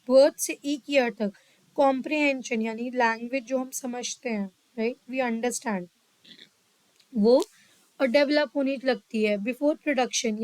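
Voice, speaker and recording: A woman teaching a psychology lesson, reading English lines slowly and explaining them in quicker Hindi, often checking in with her listeners. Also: high-pitched, darkish tone, no echo, rough recording. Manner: checks in with "ठीक है". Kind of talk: lecture mixing Hindi and English.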